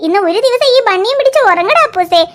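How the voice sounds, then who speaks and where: A woman's voice: very high-pitched, lively intonation, quick pace, heavy background noise. A woman voicing a young cartoon mother who coaxes and soothes her crying toddler in a fretful, sing-song way. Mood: coaxing. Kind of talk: cartoon dialogue.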